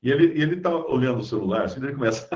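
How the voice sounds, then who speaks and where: A man's voice: medium pitch, animated, very fast, a little mellow. A man giving conversational Bible teaching, reading scripture aloud and explaining it with everyday stories. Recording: roomy, dull lo-fi sound.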